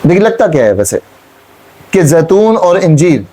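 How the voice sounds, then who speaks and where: A man's voice: on the high side, big pitch swings, moderate pace, warm tone. A man teaching a Quran class, explaining verses and questioning his students, repeating key points. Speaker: Islamic teacher.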